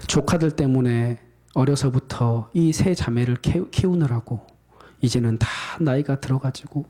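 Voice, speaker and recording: A man's voice: a little high, mellow. A male pastor preaching a sermon, telling a story in a dramatic, emotive way.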